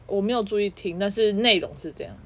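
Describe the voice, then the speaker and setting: A woman's voice: mid-range voice, lively intonation, fairly bright tone, slightly rough. A young woman, co-hosting a casual podcast chat and telling stories with a chatty, laughing manner. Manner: quick, chatty storytelling with frequent laughs. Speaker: podcast co-host.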